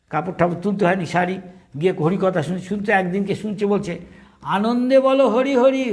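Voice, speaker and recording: A monk telling homely stories in a relaxed devotional class, teasing listeners by name and searching aloud for words. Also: male voice, high voice. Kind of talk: informal sermon with folksy stories.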